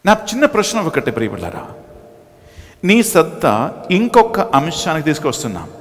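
A man, a priest, preaching a dramatic sermon, swinging between loud and soft. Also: on the high side, huge pitch swings, normal speed. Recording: long hall reverb.

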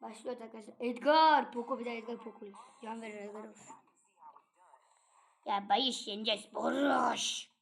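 A woman with a notably high voice runs through a casual let's-play, talking straight to her viewers. She is chatty and playful, easily excited by what happens on screen. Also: normal speed, long pauses. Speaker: gaming channel host.

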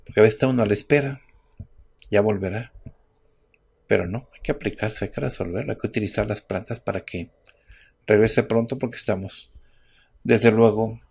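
A man with a Mexican accent hosting a radio health show, dictating herbal formulas slowly and repeating each list twice. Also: lowish voice, fairly even intonation, vocal fry, a little mellow, slightly rough. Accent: Mexican Spanish. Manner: slow and repetitive, dictating numbers and lists twice; asks and answers his own questions. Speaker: radio host giving herbal remedy advice.

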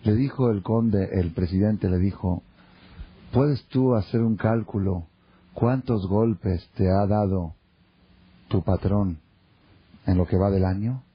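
Husky man telling a Torah parable. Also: fairly low pitch, slow, pauses often. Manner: animated storyteller acting out characters' lines. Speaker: rabbi giving a Torah class. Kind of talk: sermon with storytelling. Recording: muffled lo-fi recording.

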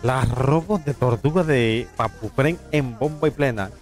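A man's voice: mid-range voice, unhurried, gravelly, a little mellow, soft background music. A man with a Panamanian accent giving live esports commentary, calling plays and teasing the chat between them. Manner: playful, teasing chat with viewers between play-by-play. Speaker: esports caster.

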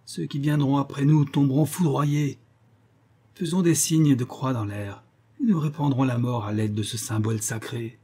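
A man voicing a bitter young man who bursts out loudly in scorn and anger. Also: medium pitch, fairly even intonation, normal speed, lightly acted. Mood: scornful. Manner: loud, scornful outbursts.

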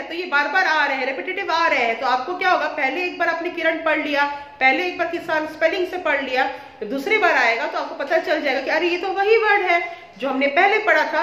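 A woman's voice: high-pitched, pushed and bright, roomy sound. A woman teaching young children to read, sounding words out syllable by syllable and explaining patiently. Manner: slow, syllable-by-syllable spelling out. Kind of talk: reading lesson for children.

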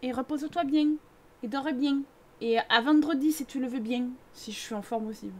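Casting: young woman streamer with a Parisian accent, high-pitched, chatty and teasing, reads the chat aloud. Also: normal speed, darkish tone. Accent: Parisian French. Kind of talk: casual live-stream chat over gameplay.

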